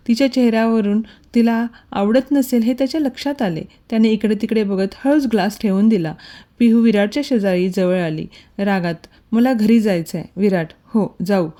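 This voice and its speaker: Mellow-voiced woman storyteller. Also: medium pitch. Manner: calm, even storytelling. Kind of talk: scripted narration.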